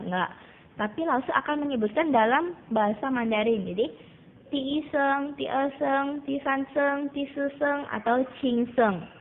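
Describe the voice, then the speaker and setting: A woman teaches tones to young students with a fairly high voice, patiently repeating each vowel. The sound is narrow and tinny like a phone line, with a faint hiss behind. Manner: addresses students as children. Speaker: Mandarin teacher. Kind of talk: online class lesson.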